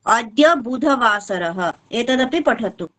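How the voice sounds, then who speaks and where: Woman teacher, slow patient talk, high voice, keeps asking the class if they got it. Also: expressive, a bit bright. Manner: slow, prompting and checking in with learners; chants verses slowly. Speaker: Sanskrit teacher. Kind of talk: online class instruction.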